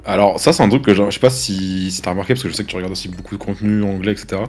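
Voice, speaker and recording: A man's voice: sits low, racing. A French man chatting casually while playing a game, rambling and restarting his sentences. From France. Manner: relaxed, rambling with many restarts. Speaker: gamer. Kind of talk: casual chat while gaming.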